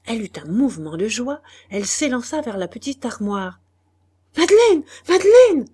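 A woman narrating a literary audiobook in a measured, calm storytelling voice. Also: medium pitch, husky.

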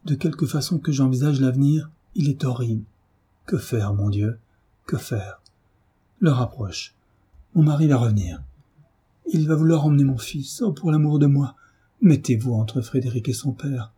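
A man's voice: on the low side, normal speed, few pauses, dark tone, breathy edge. A man voicing an anguished young mother who pleads in a tearful, breaking voice, read as an audiobook. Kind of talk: audiobook reading.

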